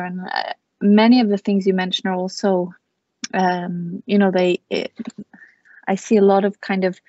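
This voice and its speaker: A woman's voice: mid-range voice, warm tone, no room sound. Hesitant woman moderating an online panel. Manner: hesitant, full of fillers. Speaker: webinar moderator. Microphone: video call. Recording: dry, dull video call audio.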